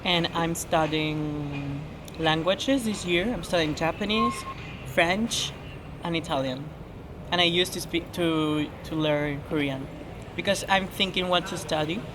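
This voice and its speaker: Here a teenage woman, eighteen, hosts her channel's laid-back Q&A, giggling and chatting with loose grammar. She speaks low at a measured pace, over a hissy, noisy background.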